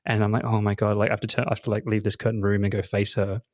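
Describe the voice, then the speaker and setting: A man co-hosting a podcast, telling a comic story in an animated, self-mocking way with frequent laughs. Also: fairly low pitch, rapid-fire, dry recording, clean studio sound. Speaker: podcast co-host. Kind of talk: casual chat, comic storytelling.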